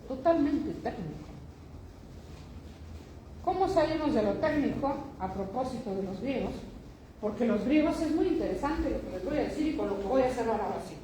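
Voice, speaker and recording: A woman's voice: fairly high pitch, expressive, moderate pace, dark tone. An older woman giving an academic lecture, emphatic, asking rhetorical questions and repeating phrases for effect. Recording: noisy echoey room.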